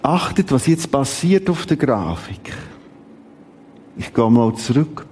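A man with a Swiss German accent preaching a sermon at a church service, emphatic, with dramatic swings in pitch and repeated words for stress. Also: sing-song, slow, darkish tone, a little hiss or hum.

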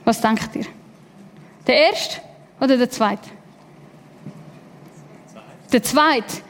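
High-voiced woman preaching, hall reverb. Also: very slow. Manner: emphatic repetition and rhetorical questions. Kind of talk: sermon.

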